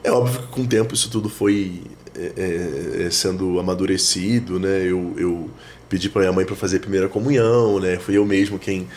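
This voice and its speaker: A priest, talking reflectively in a casual interview, with many fillers and restarts. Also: male voice, deep voice, fairly even intonation, fairly quick, darkish tone, slight background noise. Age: 30s. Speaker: priest, guest. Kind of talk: casual conversation.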